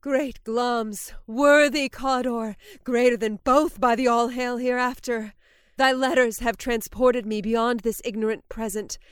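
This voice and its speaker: Lady Macbeth, a woman acting a ruthless, slow-speaking noblewoman. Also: a little high, steady tone, clear, resonant tone, dry recording, clean studio sound, lightly acted. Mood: commanding, conspiratorial. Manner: intense, deliberate, incantatory delivery. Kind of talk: dramatic Shakespearean stage-style acting.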